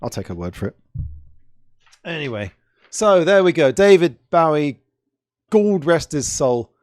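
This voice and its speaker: A man's voice: fairly high pitch, big pitch swings, a little slow, no echo. A man hosting a camera show, talking casually and wandering into chuckling asides as he reads through a list. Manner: chatty, digressive, chuckling asides. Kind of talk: casual chat.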